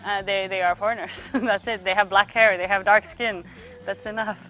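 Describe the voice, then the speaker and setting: A woman's voice: medium pitch, steady tone, sharp tone. Thoughtful young woman, faint music behind. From Sweden. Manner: thoughtful, pauses often to search for words. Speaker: youth worker. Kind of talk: reflective interview answers.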